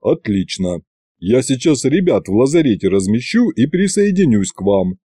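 A man's voice: medium pitch, sing-song, moderate pace, mellow, breathy edge, no echo. A man voicing a tired, grim male undead commander who speaks in short, clipped lines. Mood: weary.

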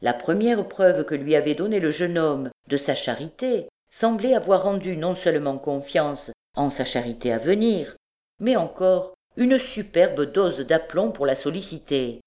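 A woman narrates an audiobook of a classic novel with steady, expressive storytelling. Her voice sits low for a woman, calm and even. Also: unhurried. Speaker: audiobook reader.

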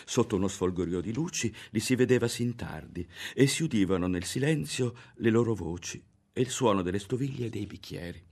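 A man narrating a literary novel aloud in a measured, grave manner. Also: lowish voice, lively intonation, darkish tone, breathy edge. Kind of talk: literary audiobook reading.

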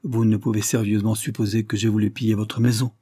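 A man voicing a proud young gentleman who is accused of a crime and answers in a calm, measured way, in an audiobook reading. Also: on the low side, husky, no echo, clean studio sound.

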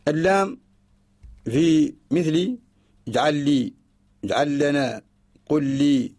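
A man with a Mauritanian Arabic accent giving a radio lesson, slowly recites each example and repeats it word by word to explain it. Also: a little high, a little mellow. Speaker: teacher of Quranic orthography. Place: radio studio.

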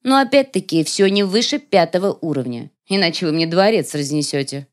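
An imperious dark elf matriarch, as read by a man speaks in a raised, cooler voice that sounds different from his usual tone. She is calm, icy and used to obedience. This is a storybook reading. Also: on the high side, fairly quick, pitched above the performer's own voice, natural voice. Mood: cold commanding. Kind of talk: audiobook character voicing.

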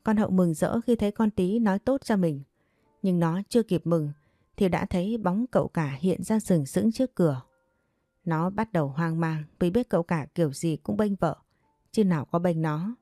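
A woman's voice: lowish voice, normal speed, warm tone, no room sound, studio quality, soft background music. A woman narrating a dramatic family story and voicing each character's lines herself.

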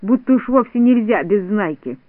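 A shrill, excitable little boy full of bluster and panic, as a man puts him on for a storybook. His voice jumps high and loud in a dry, tinny, phone-like recording. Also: normal speed, no echo. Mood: boastful.

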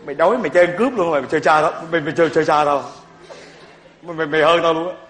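A man hosting a livestream comedy skit, scolding his friends in a loud, animated way and repeating himself often. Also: a little high, rapid-fire, roomy sound, in a large hall. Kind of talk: improvised comic skit.

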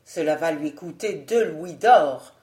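A woman's voice: sits low, lively intonation, slow, dark tone, roomy sound. A woman voicing a sly male servant, a former acrobat, speaking in a wry, unruffled way.

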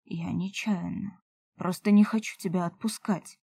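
A woman reading an audiobook voices a young male elf lover who pleads softly and earnestly. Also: fairly low pitch, fairly even intonation, unhurried, creaky, breathy edge, dry recording, full character voice. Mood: pleading.

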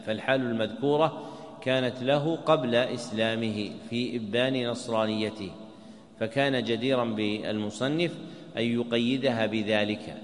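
A man, a sheikh teaching a class, gives measured commentary on a text and quizzes his students. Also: medium pitch. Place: mosque. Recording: echoey mosque hall.

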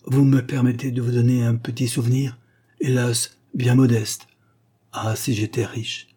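A man's voice: mid-range voice, flat delivery, warm tone, slightly rough. A man voicing a timid, poor young clerk who speaks tenderly and hesitantly. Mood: timid, wistful. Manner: timid, halting.

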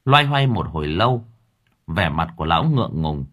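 A man narrating an audio story in a colloquial, lively storytelling manner. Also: sits low, moderate pace.

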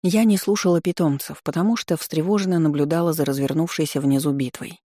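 A narrator giving a steady, expressive audiobook reading of fantasy fiction. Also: mid-range voice, brisk, no echo, studio quality.

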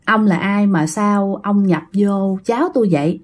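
A woman voicing an older village woman who works as a spirit medium, coaxing and pleading gently. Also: medium pitch, unhurried, close to an everyday voice.

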